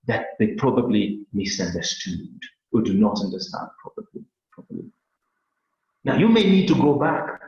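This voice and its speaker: A man's voice: mid-range voice, darkish tone. A man from Kenya with a Kenyan accent, giving an earnest webinar lesson and often repeating words as he searches for them. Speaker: webinar teacher. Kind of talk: lecture on a webinar. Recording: very echoey, dull lo-fi webinar audio.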